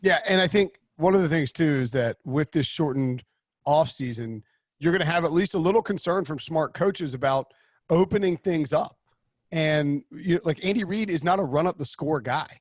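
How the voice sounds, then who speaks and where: Guy hosting a football betting podcast, talks fast and rambles, restarts a lot, dry room. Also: a little high, dry recording. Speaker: podcast host. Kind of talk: casual sports betting talk.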